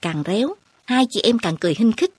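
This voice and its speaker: A brisk, teasing village aunt in a spoken storybook, chatty and restless, as a woman reads her part. Her voice is a little husky and heard close and dry. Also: fairly high pitch, big pitch swings, darkish tone, dry recording. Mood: lively. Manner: brisk, teasing country talk.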